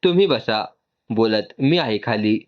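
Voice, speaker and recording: Middle-aged mother figure, affectionate and teasing, slightly raised pitch, read by a man, muffled lo-fi sound. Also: animated, a little slow.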